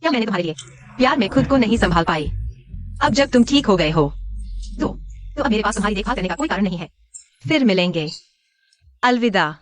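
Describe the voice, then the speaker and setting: An actress playing a sharp-tongued, scheming young wife in a dubbed short drama. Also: female voice, mid-range voice, animated, quick pace, long pauses, close to an everyday voice. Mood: sly.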